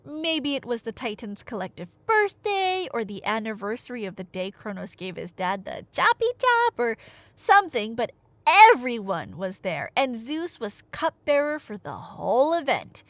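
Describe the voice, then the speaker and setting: Her voice sits a little high and a bit bright, swinging widely in pitch at a moderate pace, recorded dry and close to the microphone. As a nerdy girlfriend thrilled to retell Greek myths, she teases and chats playfully with dramatic flair in this animated ASMR storytelling roleplay for a listener.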